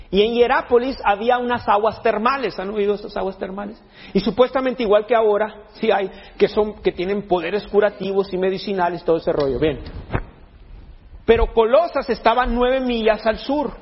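In a long, echoing hall captured with dull, lo-fi sound, a pastor preaches in a joking, conversational style. His voice is high with a breathy edge, and he frequently starts his sentences over.

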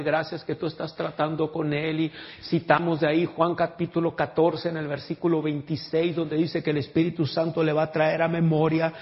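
A man preaching a sermon, moving from hushed storytelling to loud, fervent exclamations. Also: fairly high pitch. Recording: dull lo-fi recording.

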